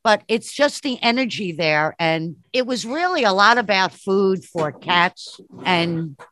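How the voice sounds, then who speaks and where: A woman's voice: mid-range voice, lively intonation, measured pace, fairly bright tone, no room sound. A woman talking casually and enthusiastically as a guest on a podcast. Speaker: podcast guest and fellow host.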